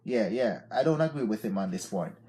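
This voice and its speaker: Lowish, mellow, and animated, a man's voice moves fairly quickly. He's a Jamaican-accented host in his forties running an unscripted live stream, giving loose, repetitive motivational talk peppered with "yeah, man".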